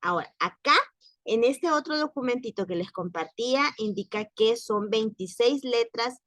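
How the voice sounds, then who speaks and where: A woman teaching French in an online class, speaking slowly and repeating words for practice. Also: on the high side, no room sound. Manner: slow, careful, repeats words for drilling.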